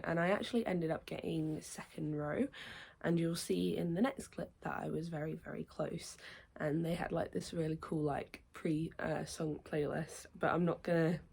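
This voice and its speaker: Young woman vlogging, bit croaky and stuffy nose, lowish voice, rambles and restarts a lot. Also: a little mellow. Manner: rambling, with many fillers and self-corrections. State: slightly croaky and nasal from a cold. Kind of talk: casual chatty vlog talk.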